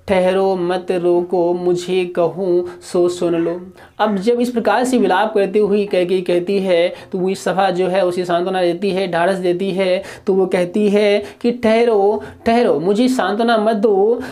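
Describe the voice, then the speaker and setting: A man explaining a poem to students at an unhurried, drawn-out pace. His voice is mellow and soft-edged. He talks in a measured teaching manner, repeating and rephrasing each line. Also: sits high. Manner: chants the verses in a drawn-out singing way. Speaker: Hindi literature teacher. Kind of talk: explaining a poem in a class lesson.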